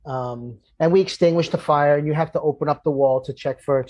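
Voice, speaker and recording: A man who works as a firefighter, telling a long personal story in conversation, halting and restarting as he goes and growing emotional. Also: on the high side, a little mellow. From Florida. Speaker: firefighter guest.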